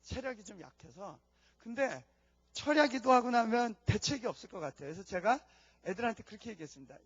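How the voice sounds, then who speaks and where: A man's voice: high-pitched, animated, brisk, dull audio. A man who is a missionary, preaching a testimony sermon in an earnest storytelling way. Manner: earnest storytelling, drops to hushed tones for prayers. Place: church conference hall.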